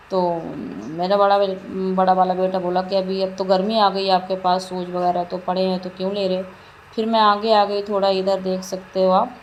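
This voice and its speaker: A woman's voice: mid-range voice, poor audio. A middle-aged woman narrating a shopping trip in a casual vlog, rambling and repeating herself as she talks. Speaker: vlogger. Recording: faint background noise.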